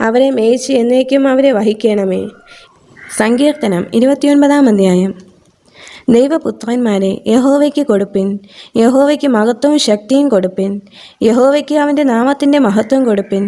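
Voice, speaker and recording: A woman reads scripture aloud for a meditation recording. Her voice sits a little high yet sounds mellow and soft-edged. She keeps a calm, measured recitation throughout. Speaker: Bible reader.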